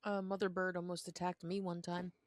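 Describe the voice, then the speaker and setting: Young woman co-host, slightly low voice, animated and incredulous, dry close mic. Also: fairly quick, no room sound. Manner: animated, incredulous, laughing asides. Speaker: podcast co-host. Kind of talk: casual chat.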